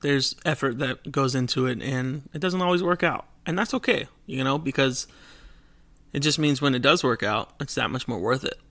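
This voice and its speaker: Bright-voiced joking male podcaster. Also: mid-range voice, moderate pace, no echo. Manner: joking, mock newscaster delivery, swears freely. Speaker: podcast co-host. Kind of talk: casual chat. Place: couch at home.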